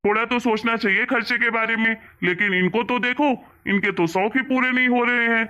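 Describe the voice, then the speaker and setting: A man's voice: very high voice, fairly even intonation, brisk, sharp tone. A man voicing an angry grown son in a cartoon story, scolding and mocking as he talks. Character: angry grown son scolding his mother over money. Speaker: cartoon character. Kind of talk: Hindi cartoon story voice acting.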